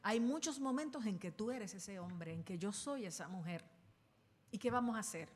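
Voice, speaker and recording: Woman pastor, mid-pitched, dramatic preacher who shouts out quoted lines, church hall with a long tail. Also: lively intonation, normal speed. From Puerto Rico. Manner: dramatic preaching, acting out quoted voices with sudden loud bursts. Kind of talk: sermon. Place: church sanctuary.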